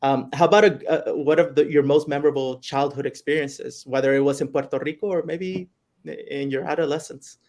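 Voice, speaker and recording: A man's voice: a little high, fairly even intonation, a little fast, darkish tone. A man hosting a livestream interview, enthusiastic and slipping in the odd Spanish phrase. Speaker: host.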